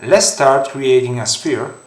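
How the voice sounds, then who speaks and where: Italian guy doing a software tutorial, slow and halting, lots of uh's, echoey room. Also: medium pitch, over loud music. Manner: halting non-native English with many fillers. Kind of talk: screen-recorded software tutorial. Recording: roomy echoey home room.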